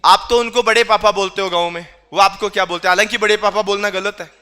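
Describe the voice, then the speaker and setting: A man's voice: high-pitched, fairly even intonation, fast, pushed and bright, smooth, soft background music. A man teaching a class, quizzing students with repeated questions and teasing asides. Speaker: reasoning teacher. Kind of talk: online class lecture.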